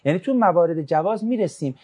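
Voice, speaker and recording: A religious class teacher in a relaxed, conversational lesson. The teacher reads student questions aloud, answers them with jokes, and retells a religious tradition as a story. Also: medium pitch, breathy edge. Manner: shifts into storytelling when recounting a religious tradition.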